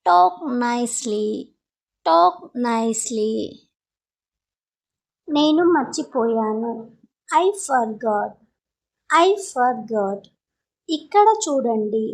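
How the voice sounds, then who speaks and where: Slow, high-voiced woman drilling phrases. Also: creaky, rough recording. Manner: says each English phrase twice, slowly and deliberately. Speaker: English teacher.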